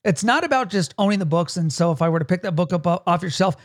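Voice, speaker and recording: High-voiced man coaching on a podcast. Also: expressive, quick pace, no room sound, studio quality. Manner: chatty, laughs often, keeps asking "right?". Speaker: podcast host and leadership coach. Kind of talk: casual podcast chat.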